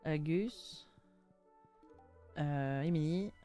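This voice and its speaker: A woman's voice: low-pitched, drawn-out words, dark tone, faint music behind. A young woman chatting casually and jokingly while playing a video game, reading its text aloud. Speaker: gaming streamer. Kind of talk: casual let's-play chat.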